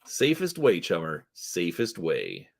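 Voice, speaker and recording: A man voicing a twitchy, shifty male orc drug dealer with fast, wheedling street slang. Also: deep voice, wildly swooping pitch, creaky, slightly rough, exaggerated voice. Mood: salesy.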